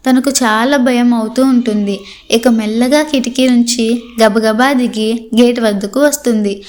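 Woman telling a horror story. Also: fairly high pitch. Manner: steady, dramatic storytelling.

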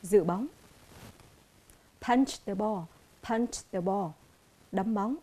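Mellow-voiced Vietnamese woman teaching English. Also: medium pitch. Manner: slow, clear, repeats each word. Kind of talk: televised classroom lesson.

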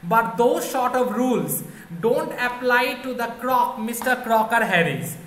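A woman's voice: on the high side, lively intonation, a little slow. A woman reading the lines of a worried teenage schoolboy in a plain voice. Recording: echoey room.

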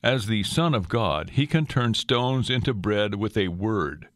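A man preaching a sermon in a measured, deliberate way, sometimes voicing the tempter's words with a lifted pitch. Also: animated, fairly bright tone, no room sound, clean studio sound. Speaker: pastor.

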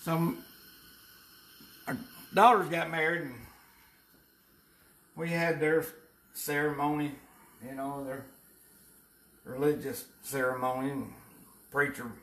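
A man's voice: on the high side, little pitch movement, slow, long pauses, fairly bright tone. An older man with a Southern US accent, chatting casually and telling folksy, rambling stories while cooking in a home kitchen, picked up by a camera a few feet away. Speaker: cooking show co-host.

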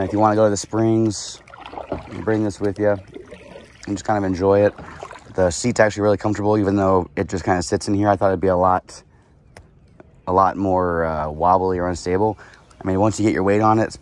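A man with a very low, deep voice talks casually as he fishes from a kayak on a lake. He is recorded outdoors on a head-mounted action camera, with a faint outdoor hiss behind him. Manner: relaxed, chatty, excited when a fish bites. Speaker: fishing vlogger. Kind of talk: casual narration while kayak fishing.

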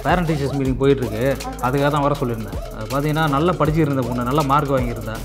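A man playing a stern, fast-talking teacher. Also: medium pitch, over music, lightly acted. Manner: scolding, impatient. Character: stern scolding male schoolteacher. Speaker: schoolteacher. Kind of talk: Tamil comedy sketch acting.

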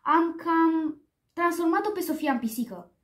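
A jealous little princess, high eager voice, echoey room. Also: female voice, animated. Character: jealous young princess girl.

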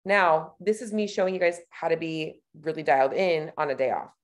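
Low-voiced woman coaching on screen. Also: a little fast. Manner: casual, chatty, thinks aloud while clicking. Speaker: nutrition coach. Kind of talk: screen-share tutorial.

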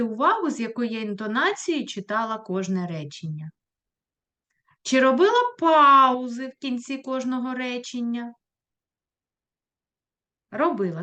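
A woman teaching a primary school lesson, talking to children in a clear, patient voice and asking questions as she goes. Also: a little high, fairly bright tone. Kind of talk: recorded online lesson for children.

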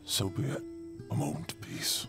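A man voicing a grieving king fearing for his dying daughter, in a rough, emotional delivery. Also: normal speed, lightly acted. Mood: anguished. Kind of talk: audio drama acting. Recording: music bed underneath.

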